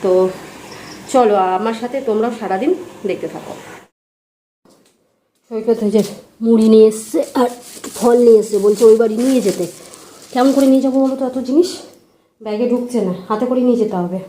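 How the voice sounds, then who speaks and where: A woman's voice: fairly high pitch, brisk, pauses often, warm tone. A young woman talking casually to her viewers from her home as she goes about her day, chatty and homely, speaking straight to the audience. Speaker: home vlogger, young mother. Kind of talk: casual vlog narration. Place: at home, kitchen. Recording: echoey room with clear household noise.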